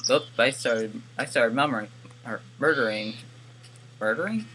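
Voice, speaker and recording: A man's voice: mid-range voice, normal speed, bright, forceful tone. A man giving casual gameplay commentary, rambling and correcting himself with wry asides, recorded on a desk mic with faint hiss. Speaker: gaming YouTuber.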